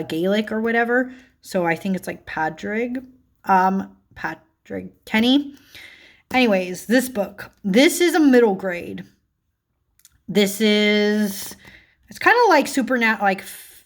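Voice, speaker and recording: A woman vlogger giving a casual, chatty book review, full of filler words and quick self-corrections. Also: medium pitch.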